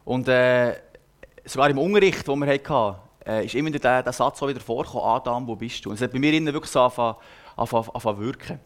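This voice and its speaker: A young man preaches with a Swiss lilt in his Standard German. He tells a personal story in an earnest, chatty way and often pauses to hesitate. His voice sits at an ordinary middle pitch. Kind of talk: personal sermon.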